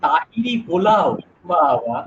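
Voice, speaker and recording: A man teaching a live online class, chatty and lively, asking students questions as he explains. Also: on the high side, slow pace. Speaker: online exam-prep teacher. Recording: dull lo-fi stream with noise.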